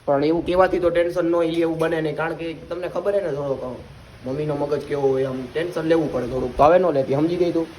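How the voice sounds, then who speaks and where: A man's voice: a little high, fairly even intonation, fast, a little mellow, a little hiss or hum, low-quality recording. A young man with a Gujarati accent, chatting casually to viewers in a vlog. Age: young adult. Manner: chatty, addresses viewers as guys. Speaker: vlogger.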